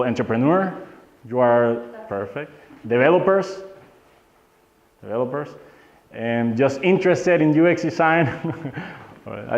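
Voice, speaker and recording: A man's voice: medium pitch, a little mellow. Guy running a workshop, loose english, asks the crowd stuff, muffled echoey hall recording. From Venezuela. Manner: loose, non-native phrasing, asks the audience questions. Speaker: workshop speaker. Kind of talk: live workshop lecture. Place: meetup hall.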